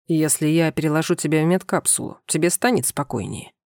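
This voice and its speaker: A woman voicing a gentle alien husband who speaks in a low, quiet, reassuring way in an audiobook. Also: brisk, no room sound, clean studio sound. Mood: soothing. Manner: soft, reassuring, lowered voice. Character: calm eared alien husband, gentle and soothing. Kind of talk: audiobook character voice.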